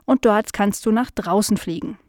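A woman voicing an eager, easily indignant young female dog in a children's audio story, speaking high and loud. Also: moderate pace, dry recording, studio quality, close to an everyday voice. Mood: insistent.

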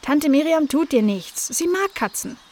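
An eager young female dog in a children's storybook, raised and bright in pitch, bossy when her guests misbehave, as a woman reads her. She talks in warm, firm bursts. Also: lively intonation, measured pace, a little hiss or hum. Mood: scolding. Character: friendly young female dog, garden owner.

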